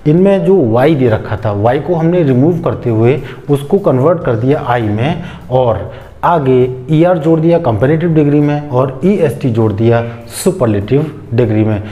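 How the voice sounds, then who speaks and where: A man, an English teacher explaining grammar slowly, step by step, and asking rhetorical questions as he goes. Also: medium pitch, animated, warm tone.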